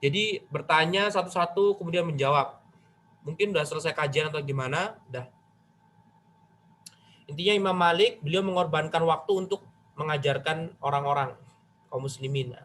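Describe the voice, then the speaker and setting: High-voiced man giving a chatty religious lesson. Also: moderate pace, pauses often, a bit bright, a little hiss or hum. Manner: chatty, addresses listeners directly with rhetorical questions; retells a story, voicing its figures in quoted lines. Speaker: Islamic religious teacher. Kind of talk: conversational religious study lecture.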